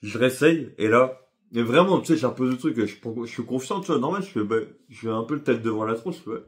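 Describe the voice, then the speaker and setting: A man's voice: mid-range voice, lively intonation, a little fast. A young man telling a story in a casual vlog, rambling and slangy, with lots of fillers and self-corrections. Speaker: vlogger.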